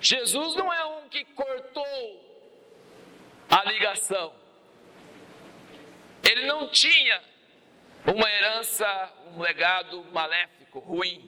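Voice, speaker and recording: A male pastor with a Brazilian Portuguese accent preaches a sermon. His voice sits high and has a sharp, very bright edge. He repeats key phrases and puts questions to the congregation. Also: slow pace, pauses often.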